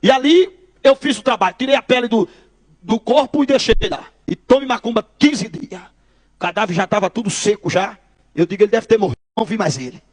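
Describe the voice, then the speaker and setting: A man's voice: sits high, fairly quick. A Brazilian man giving a testimony as a preacher. He tells the story by acting out the dialogue and calls his listeners brother. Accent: Brazilian Portuguese.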